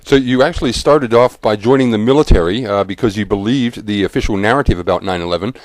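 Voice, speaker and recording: A man's voice: on the low side, quick pace, no room sound. A man hosting a radio interview, asking probing questions with a slight stammer. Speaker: radio host.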